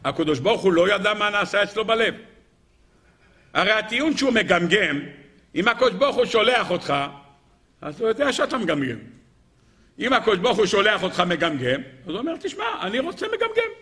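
A man giving an animated Torah lecture to an audience, acting out quoted dialogue and asking rhetorical questions. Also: high voice, pauses often.

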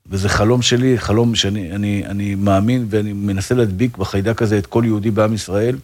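Earnest man, slightly low voice. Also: fairly even intonation, a little mellow. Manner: earnest, fervent, full of religious phrases and restarts. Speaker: rabbi. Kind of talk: casual interview talk.

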